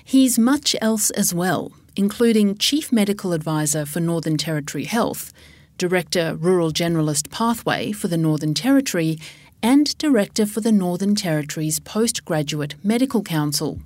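A woman, hosting a podcast and reading a scripted introduction in a smooth read-aloud way. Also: lowish voice, normal speed, a little mellow, dry recording. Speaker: podcast host.

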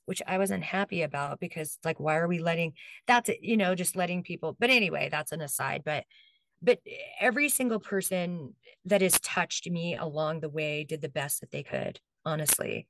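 A woman's voice: on the low side, normal speed, fairly bright tone, no room sound. A woman from Hawaii, a guest in an interview, talking in a rambling, heartfelt way with many asides and close to tears. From Hilo, Hawaii. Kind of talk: casual interview talk.

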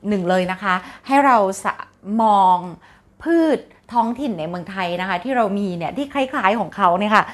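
A woman's voice: medium pitch, expressive, moderate pace. Chatty Thai woman explaining food habits. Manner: chatty, polite particles, refers to herself by nickname. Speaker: health talk host. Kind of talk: casual explanatory talk to viewers.

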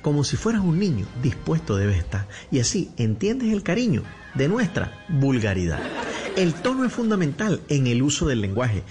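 A man's voice: fairly high pitch, wildly swooping pitch, moderate pace, music in the background. A man with a coastal Colombian accent reciting humorous rhymes in a playful, exaggerated way. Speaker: comic reciter. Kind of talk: humorous rhyming verse recital.

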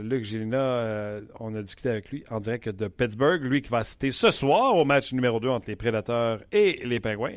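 A man's voice: medium pitch, no echo. A man co-hosting sports radio, trading casual joking asides. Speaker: radio host.

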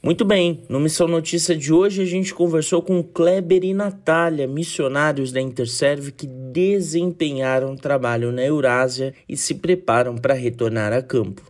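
Smooth male program host. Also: on the high side, normal speed, few pauses. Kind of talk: scripted radio hosting.

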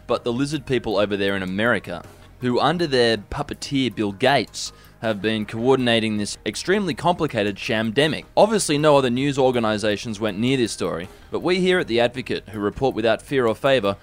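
A man's voice: medium pitch, lively intonation, brisk, soft background music. An Australian man co-hosting satirical news with dry, mock-earnest commentary. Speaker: co-host of satirical news show.

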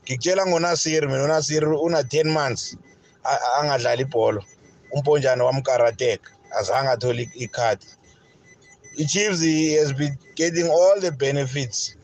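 A man's voice: medium pitch, a little fast, slight background noise, low-quality recording. A South African man calling a sports show, giving his opinion casually.

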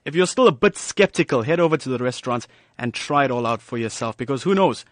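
A man reading a scripted news report in a smooth, measured way. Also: medium pitch, animated, no echo.

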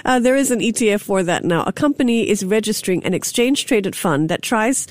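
A woman's voice: mid-range voice, animated, a little fast, no room sound. A woman co-hosting a radio market show, friendly and asking her co-host questions. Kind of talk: radio market news presenting. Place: radio studio. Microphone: studio microphone.

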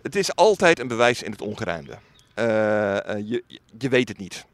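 A man, a former political reporter, recounting events in an interview, halting with many filler sounds. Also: lowish voice, big pitch swings.

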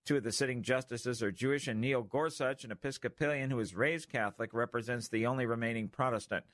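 Male radio news anchor, American accent, mid-pitched, scripted read, very dry close recording. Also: fast, fairly bright tone, no room sound.

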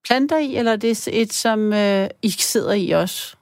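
A woman's voice: mid-range voice, darkish tone, no room sound, studio quality. A woman hosting a late-night phone-in show, asking questions and giving short encouraging replies. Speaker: radio host.

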